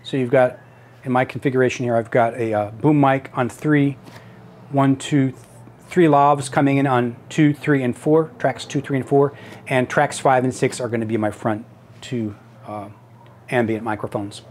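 Halting middle-aged man giving a casual tutorial. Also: mid-range voice, fairly even intonation, a little mellow, slight background noise. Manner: halting, thinking aloud as he demonstrates. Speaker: tutorial presenter. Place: small home office room.

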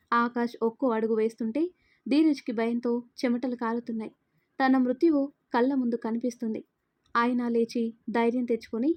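A woman's voice: on the high side, dark tone. Woman narrating a dramatic story.

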